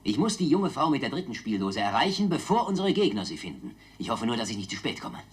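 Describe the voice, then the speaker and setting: Shrewd male detective, classic film dub, husky, commanding, wide-ranging intonation. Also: medium pitch, wildly swooping pitch, quick pace. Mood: urgent, brisk. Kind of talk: dubbed classic crime film acting.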